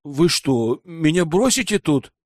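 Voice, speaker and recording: A man's voice: on the high side, big pitch swings, a little slow, a little mellow, dry recording, studio quality. A man voicing a whiny, indignant young female witch student in an audiobook. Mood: desperate. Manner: whiny, pleading.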